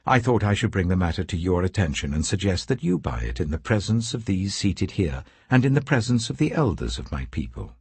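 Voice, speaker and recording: A British man voicing an earnest, authoritative landowner in a scripture reading, declamatory and deliberate. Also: deep voice, big pitch swings, darkish tone, slightly rough, no room sound, full character voice. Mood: earnest, businesslike.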